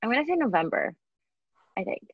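A woman, a podcast guest with a husky just-woken-up voice, laughing and self-mocking. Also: fairly high pitch, very animated, a little fast, dry recording, narrow, tinny audio. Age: 20s. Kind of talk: casual chat.

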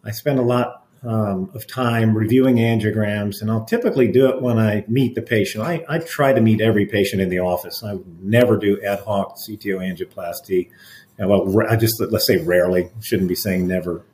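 A middle-aged man, an interventional cardiologist talking through stories in an interview, animated, with restarts and laughs. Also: fairly low pitch, a little fast, reverberant. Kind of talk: conversational interview storytelling.

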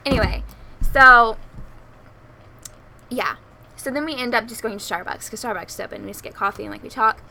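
Chatty young woman with a bright voice. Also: a little high, fairly quick, creaky, pauses often, slight background noise. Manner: rambling, full of likes and ums, laughing through the story. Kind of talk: casual storytelling chat.

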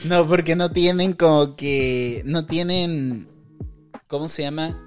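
A young man with a Mexican Spanish accent, co-hosting a casual podcast chat, slangy and quick to laugh. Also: on the high side, faint music behind. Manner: slangy, laughs often, acts out quotes. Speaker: podcast co-host.

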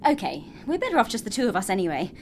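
A woman's voice: mid-range voice, wildly swooping pitch, rapid-fire, slight background noise. A woman playing an earnest, prim female astronaut who is slightly indignant.

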